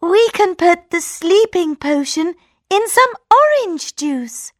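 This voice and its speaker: A woman voicing a kind, eager young princess in a high, bright way. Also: expressive, slow, no echo, studio quality, full character voice. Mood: pleading.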